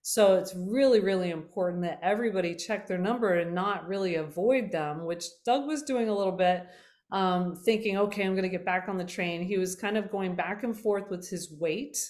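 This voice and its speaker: A middle-aged woman talks casually to her viewers about health, chatty and loose, stopping often to correct herself. Her voice is slightly worn, as if she is losing it, and sits at an ordinary middle pitch. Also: moderate pace, a little mellow. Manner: chatty, with many fillers and self-corrections. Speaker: health talk host.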